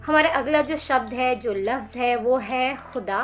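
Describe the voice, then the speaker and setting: A woman with a fairly high voice teaches children how to pronounce sounds and words. She talks patiently and clearly, lingering on each sound. Soft music plays underneath. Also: measured pace. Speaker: language teacher. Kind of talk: explaining Hindi pronunciation to children.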